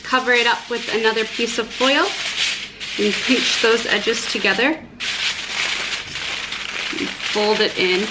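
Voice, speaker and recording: The recording is very noisy as a woman with a voice on the high side speaks slowly, leaving long pauses. In her twenties and working as a beauty and lifestyle vlogger, she talks to her viewers casually from her home's living room and kitchen, sounding bubbly, informal and self-deprecating.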